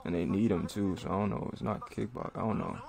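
A man with a low, gravelly voice talks through a fight clip in a relaxed, slangy way. He keeps up a running commentary for his own reaction video, exclaiming and chuckling as it plays. The tone is casual and conversational throughout. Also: quick pace.

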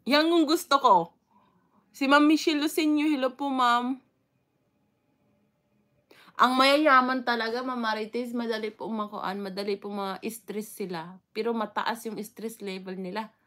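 A chatty Filipino woman hosts a casual live stream, calling out viewers by name between stretches of easygoing talk. Her voice sits high and sounds bright and crisp, and her speech is loose and full of fillers. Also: fairly even intonation, measured pace, long pauses. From Philippines. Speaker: vlogger greeting live chat viewers.

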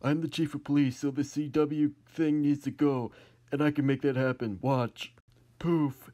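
A man voicing a self-important, threatening police chief in a comedic amateur fan dub, speaking in a pompous, halting way. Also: on the high side, flat delivery, warm tone, lightly acted. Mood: smug. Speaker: fan dubber.

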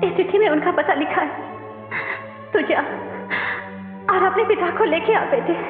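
A high, tender pleading mother. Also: measured pace, echoey room, big-room sound, narrow, tinny audio, music in the background. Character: poor ailing mother, gentle and pleading. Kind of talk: Hindi film melodrama.

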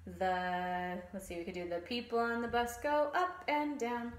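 Woman, 30s, music teacher demonstrating at home; relaxed, filler-heavy delivery; roomy camera-mic sound. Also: fairly high pitch, unhurried. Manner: relaxed explaining with frequent ums, sings nursery rhyme verses. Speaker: strings teacher. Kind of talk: demonstration lesson. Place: small room at home, indoors. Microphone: camera mic, phone or webcam framing. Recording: echoey room.

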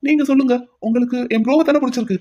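In a cartoon, a voice actor plays a brash, insistent young man who pleads while pining for his brother's sweetheart. The voice is high and warm, racing along with fairly even intonation.

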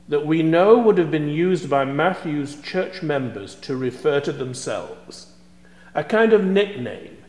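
Older male priest, measured scholarly sermon, slow delivery, church reverb. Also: fairly high pitch. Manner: measured, scholarly preaching with a lecturing tone. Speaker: supply priest. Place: large church sanctuary before the altar. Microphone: fixed camera at a distance. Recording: echoey church with long reverb.

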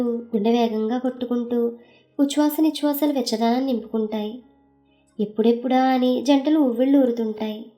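A woman narrating a story in a slow, lingering, expressive way. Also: fairly high pitch.

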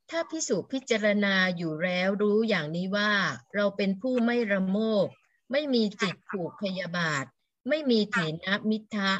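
A woman reading a scripture translation aloud for a monk's class, in a steady, measured way. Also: mid-range voice, dry recording, lo-fi sound. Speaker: student reader.

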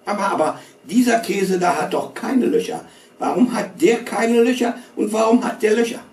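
A man's voice: sits high, lively intonation, normal speed, a little mellow, voice pushed up. A man voicing a whiny, curious little boy who keeps pestering his parents with questions. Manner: whining, insistent questions. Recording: roomy stage sound from far.

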